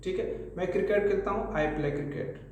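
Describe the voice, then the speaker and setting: A man's voice: high voice, normal speed, a little mellow. A man teaching a spoken English grammar lesson, patiently drilling example sentences one after another. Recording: very echoey room.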